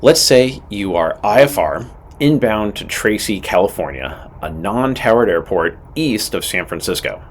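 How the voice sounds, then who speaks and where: Presenting a scripted pilot training lesson, a fairly low-voiced male instructor speaks in an unhurried, animated way while staying direct and matter-of-fact and emphasizing key points. Slight background noise is audible.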